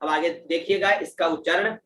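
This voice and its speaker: A man teaching Vedic mantra chanting, patiently spelling out each syllable and its pitch accent. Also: fairly even intonation, moderate pace, a bit bright. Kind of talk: teaching Sanskrit mantra pronunciation. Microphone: online class setup. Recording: roomy echo, distant from mic, faint background noise.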